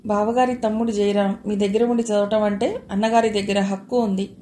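A woman's voice: mid-range voice, fairly even intonation, brisk, warm tone, reverberant, slight background noise, close to an everyday voice. Woman voicing a playful younger sister. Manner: playful, earnest.

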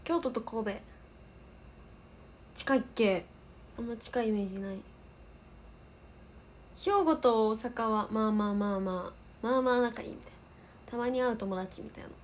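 A woman in her twenties from Osaka speaks at normal speed in a fairly high voice, pausing often, with a little hiss or hum present. As an idol livestream host with a light Kansai accent, she chats casually while answering comments from viewers.

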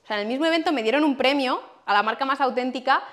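A woman's voice: high voice, racing, fairly bright tone. A young woman with an accent from Spain giving a casual workshop talk, swearing freely and acting out quoted dialogue. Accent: Spain Spanish. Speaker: workshop speaker.

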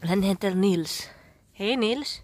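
This travel vlogger, a woman from the Philippines with Tagalog as her first language, is sick but chatty as she films outdoors at a rural estate. She mixes English, Tagalog and Swedish and hunts for words, her voice medium-pitched, slow and a little mellow.

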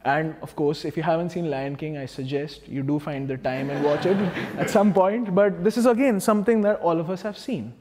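A man's voice: fairly high pitch, normal speed, hardly any pauses, crowd noise. A man in his thirties with an Indian accent, giving a chatty, self-deprecating talk on stage in a large hall, wearing a lapel mic, with many restarts. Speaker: speaker at a public talk. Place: large dark hall with a projector screen. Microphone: small lapel mic. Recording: long hall reverb.

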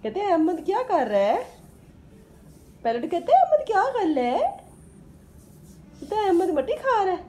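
A woman's voice: very high-pitched, wildly swooping pitch, moderate pace, long pauses, mellow. A woman with a Pakistani Urdu accent, playfully teasing a toddler in a sing-song voice while filming a home vlog. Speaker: vlogger. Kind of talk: playful baby-talk narration to a child. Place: home during a power cut.

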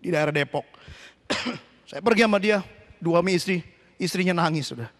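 A man preaching a sermon as pastor, with sudden shouted lines and English phrases mixed in. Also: high-pitched, normal speed. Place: church hall. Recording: long church hall reverb.

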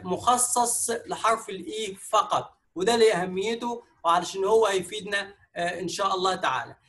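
A man's voice: sits high, a bit bright. A man with an Egyptian Arabic accent explaining an English lesson patiently, step by step, with many fillers. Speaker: English teacher.

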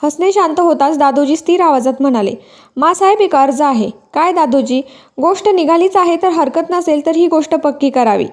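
A woman's voice: sits high, fairly quick, darkish tone. A woman reading a historical novel aloud, voicing the dialogue with light inflection. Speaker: novel reader.

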